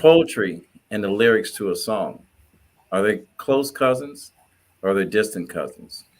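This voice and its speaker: A man's voice: on the low side, lively intonation, unhurried. A man interviewing a guest with casual, conversational questions.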